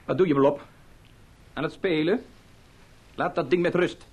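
A man's voice: fairly high pitch, measured pace, darkish tone, slightly rough, lo-fi sound. An actor playing a rule-bound, distrustful male astronaut who speaks insistently in a radio drama. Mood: scolding.

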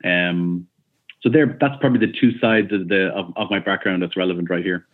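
A company founder in his forties gives casual interview answers over a remote call that sounds tinny, like a phone. His low voice stays steady and fairly quick, though he's thoughtful and hesitant, full of ums and restarts.

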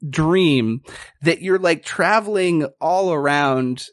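A man acts as game master, narrating a tabletop game in a casual, improvised way. His voice sits a bit high and he goes slowly, feeling for words, in a dry-sounding space. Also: no room sound. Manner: halting, improvised, peppered with "like".

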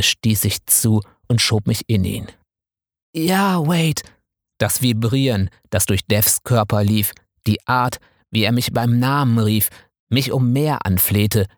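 A man calmly reading a first-person story aloud in measured scripted narration. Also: on the low side, no room sound, studio quality. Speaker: audiobook narrator.

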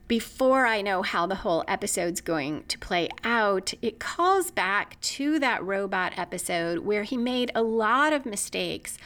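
A woman podcast host walks through an episode recap from her notes, marking the timestamps as she goes. She reads in a measured, analytical way, with her voice sitting at a middle pitch. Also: a bit bright. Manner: methodical, analytical, marks timestamps.

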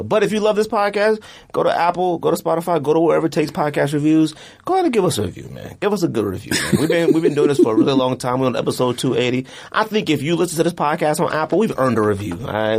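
A man with a fairly high, creaky voice hosts a laid-back sneaker podcast from a studio. He banters in loose slang and keeps repeating himself to drive his points home.

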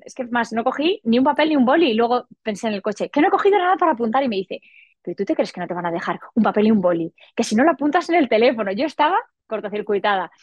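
A woman in her forties, a podcast guest, telling a personal story in a lively way and acting out the voices she quotes. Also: quick pace, husky, no room sound, highs cut off. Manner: animated, acts out quoted dialogue in a higher voice. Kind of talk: casual storytelling.

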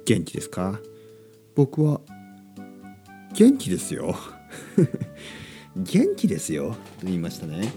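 Slow, gentle man with a deep voice. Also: huge pitch swings, soft background music. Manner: gentle, repeats and explains simple words. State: slightly sore throat. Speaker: podcast host teaching Japanese. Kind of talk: slow, simple podcast talk for language learners.

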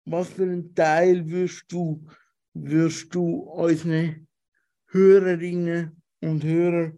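A man's voice: a little high, mellow. A man hosting a radio interview, hesitant and stumbling over restarts. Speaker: radio host.

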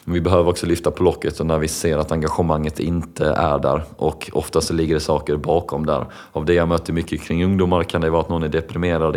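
A man's voice: extremely low pitch, a little mellow. A young man, a lecturer, answering interview questions in an earnest storytelling way. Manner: earnest, storytelling, acts out quoted voices. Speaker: lecturer and speaker. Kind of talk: conversational interview answers with anecdotes.

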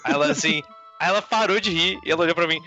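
Brazilian man, podcast co-host, animated self-mocking storyteller, slightly muffled sound with soft music. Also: fairly high pitch, rapid-fire. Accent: Brazilian Portuguese. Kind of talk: casual storytelling chat.

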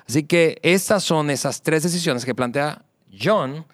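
A man co-hosting a podcast, introducing a guest and topics in an animated, conversational way. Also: a little high, measured pace, dry recording, studio quality. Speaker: podcast co-host.

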